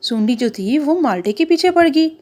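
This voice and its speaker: A woman narrating a children's cartoon story in a lively, storybook manner. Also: high-pitched, normal speed.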